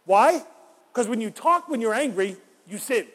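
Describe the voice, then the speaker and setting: A man's voice: very high voice, animated, moderate pace, fairly bright tone, in a large hall. A man preaching a sermon as a pastor, talking conversationally and putting rhetorical questions to his congregation.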